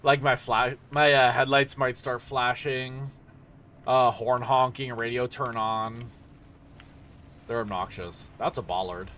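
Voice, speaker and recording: A man's voice: medium pitch, fairly even intonation, takes it slowly, a bit bright, a little hiss or hum. A tired man casually commenting on a driving game as he plays, rambling and yawning with lots of fillers. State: sleepy. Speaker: streamer.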